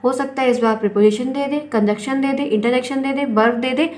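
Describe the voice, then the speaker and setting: A woman's voice: high voice, steady tone, fairly quick, a little mellow. A woman teacher with an Indian accent, explaining exam questions step by step and calling her viewers friends. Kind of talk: exam-prep lesson.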